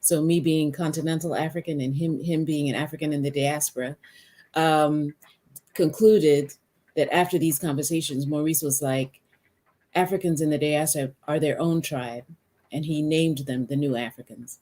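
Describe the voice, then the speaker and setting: A woman artist originally from Kenya, answering interview questions on a video call in a measured, hesitant way. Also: sits low, steady tone, mellow. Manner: measured, hesitant with many uhs. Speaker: artist guest.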